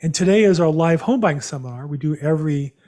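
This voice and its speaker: A man's voice: fairly high pitch, lively intonation, fast talker, dark tone. A man hosting a live real estate seminar over a video call, chatty and rambling with many fillers. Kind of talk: live webinar presentation.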